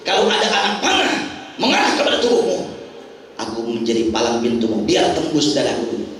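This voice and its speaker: Figure: a man doing an eager, devoted young male companion. Pitch: raised. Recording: echoey hall, distant mic. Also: wildly swooping pitch, fairly quick, a bit bright. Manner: pleading, eager. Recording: echoey prayer hall from far off.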